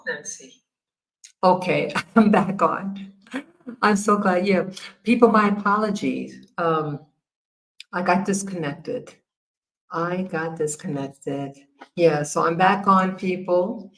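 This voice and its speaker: Slow, low-voiced American woman livestreaming. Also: low-quality recording. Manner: halting, many fillers and restarts while working the screen. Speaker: livestream host. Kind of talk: casual livestream commentary.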